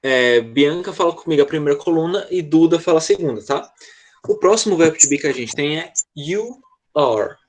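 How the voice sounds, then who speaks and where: A man's voice: on the high side, lively intonation, moderate pace. A man with a Brazilian Portuguese accent teaching an online class to children, explaining patiently and checking in often over a video call. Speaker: English teacher.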